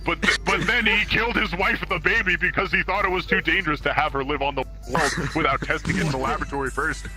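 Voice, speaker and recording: This man reads comic fan fiction aloud as a dramatic narrator, keeping a mock-serious tone, in an online virtual reality hangout. He sounds a little high, with fairly even intonation, talking fast with few pauses. The audio is poor and music runs in the background.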